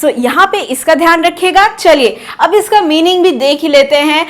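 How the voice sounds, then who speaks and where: A woman leads an online pronunciation lesson. She quizzes her viewers playfully and stretches out key words to stress them. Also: extremely high pitch. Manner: lively and teasing, quizzes the viewers, drawn-out emphasis on words. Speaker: English teacher.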